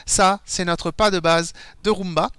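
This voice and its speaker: A man's voice: high-pitched, fairly even intonation, unhurried, a bit bright, smooth, no room sound. A man teaching a live online dance class, counting beats aloud while he demonstrates and explains the steps in a friendly way.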